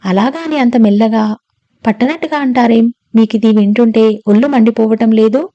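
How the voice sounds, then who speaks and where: A woman's voice: a little high, steady tone, mellow, muffled recording, close to an everyday voice. Woman voicing an indignant young woman. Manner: emphatic, quick to protest.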